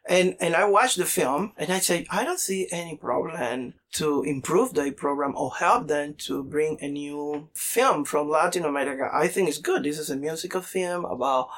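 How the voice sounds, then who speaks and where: A man's voice: on the high side, lively intonation, normal speed, few pauses, fairly bright tone. A man in his forties from Cuba, a native Spanish speaker with a Cuban Spanish accent, telling his story in an interview in broken English, full of fillers and restarts, acting out other people's lines. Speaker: interview guest. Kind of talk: conversational storytelling.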